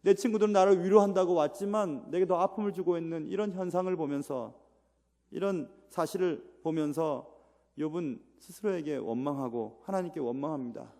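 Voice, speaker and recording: Middle-aged male pastor, slightly high voice, dramatic sermon delivery with soft asides; long church-hall reverb. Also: brisk. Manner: swings between loud rising appeals and low quiet asides. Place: church sanctuary.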